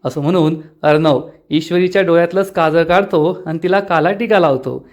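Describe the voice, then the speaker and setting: A man with a slightly higher voice tells the story of a television serial episode. He reads every character's dialogue himself, in a steady storytelling manner. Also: moderate pace. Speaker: serial recap narrator. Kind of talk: scripted storytelling narration.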